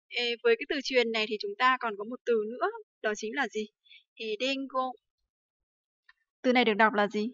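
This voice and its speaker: In a livestreamed Japanese class, a woman from Vietnam speaks in a slightly high, fairly bright voice, frequently asking rhetorical questions and filling gaps with fillers. The livestream recording is dry and a little dull, with no room sound.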